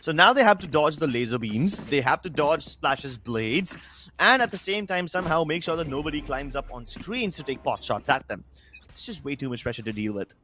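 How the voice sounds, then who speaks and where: A man works as an esports caster, breaking down a live match. His voice sits on the high side and his delivery is theatrical and emphatic, with faint game noise behind it. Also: expressive, a little fast, bright, forceful tone. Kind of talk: live esports colour commentary and analysis.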